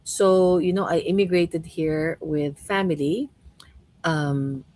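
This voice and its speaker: Woman, middle-aged, from the Philippines, low voice, dry sound, podcast host, chatty. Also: steady tone, slow, no echo, rough recording. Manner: warm, chatty, with many "you know" and "right?" tags. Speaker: host and coach. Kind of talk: podcast chat.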